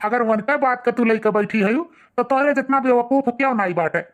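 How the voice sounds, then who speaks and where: A woman's voice: a little high, a little fast, highs cut off, lightly acted. A woman voicing a young village husband in an Awadhi cartoon, placating and lecturing his wife in rustic dialect. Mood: explaining. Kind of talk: cartoon dialect comedy acting.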